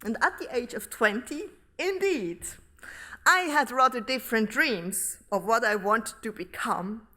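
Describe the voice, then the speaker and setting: A middle-aged woman from Switzerland, giving a formal academic lecture at a podium microphone in a large hall, reading in a measured, deliberate way. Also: a little high, expressive, pushed and bright. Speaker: professor giving inaugural lecture.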